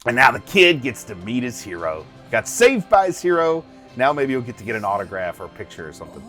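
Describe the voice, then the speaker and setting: A man's voice: medium pitch, big pitch swings, a little fast, a bit bright, faint music behind. A middle-aged man giving casual, jokey running reaction commentary as host, chuckling and exclaiming as he goes.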